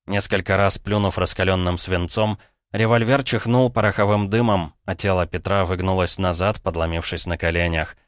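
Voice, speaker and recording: A man narrating a story as an audiobook reader, with steady, even storytelling. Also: low-pitched, normal speed, no echo, studio quality. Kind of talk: scripted narration.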